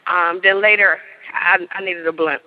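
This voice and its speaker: Animated woman in her thirties, lo-fi. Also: on the low side, normal speed. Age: 30s. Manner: animated, laughs often, acts out quotes. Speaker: interviewee. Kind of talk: casual storytelling.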